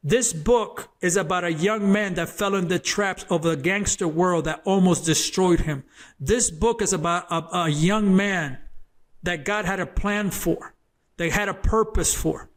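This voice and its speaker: A former gang member, appearing as a guest on an interview show, tells his personal testimony as a story. His voice is high-pitched and a little slow, and he speaks earnestly and emphatically, often repeating words as he builds up.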